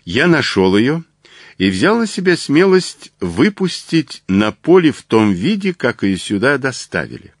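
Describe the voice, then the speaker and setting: A man's voice: mid-range voice, very animated, no room sound, studio quality, voice pushed up. A man voicing an unflappable detective. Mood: explaining. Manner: unflappable, measured. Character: calm, composed male detective, middle-aged.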